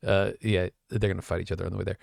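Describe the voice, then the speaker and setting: A man co-hosting a hockey podcast, rattling off trades in loose, joking banter. His voice has a gravelly texture, and the dry, close recording keeps it right up front. He laughs easily and swears now and then. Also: low-pitched, little pitch movement, very fast, darkish tone, no room sound. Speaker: podcast co-host.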